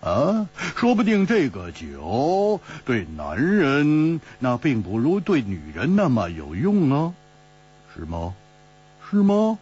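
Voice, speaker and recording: A man's voice: medium pitch, wildly swooping pitch, slow pace, a little mellow, husky, exaggerated voice. A man voicing a bold, jovial swordsman who laughs and teases his captors, in pingshu storytelling style. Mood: mocking bravado. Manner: laughing, teasing storyteller's character voice. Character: bold, jovial male swordsman, boastful and mocking. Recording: dull lo-fi recording with mains hum.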